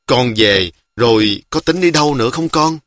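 A man's voice: mid-range voice, expressive, moderate pace, fairly bright tone, dry recording, clean studio sound, close to an everyday voice. A man voicing an old, poor beggar woman who anxiously questions her son. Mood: worried.

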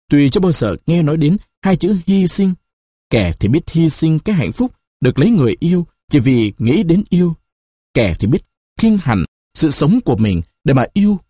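Warm, husky male storyteller. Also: mid-range voice, dry recording, clean studio sound. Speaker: narrator. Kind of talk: audiobook narration of a novel.

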